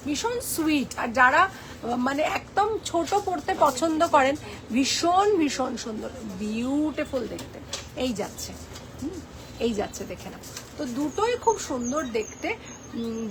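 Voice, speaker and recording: Woman, high voice, live-stream sales chat, playful and teasing, code-switching to English. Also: background noise.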